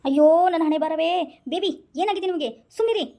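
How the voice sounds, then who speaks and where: A woman's voice: very high voice, quick pace, dark tone. A woman voicing an exasperated young wife in a comic skit, soothing and scolding her husband.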